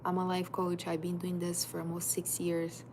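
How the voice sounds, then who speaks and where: A motivational livestream features a woman in her thirties, a native Portuguese speaker working as a life coach, who urges her audience directly and repetitively in the second person. She speaks in a lowish monotone at normal speed over a noisy background.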